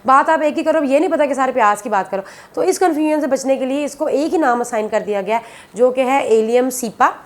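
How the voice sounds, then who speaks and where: A woman's voice: high voice, quick pace, few pauses. A woman, teaching a biology lesson and explaining each point patiently and repeatedly, often addressing students as "beta". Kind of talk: classroom lecture.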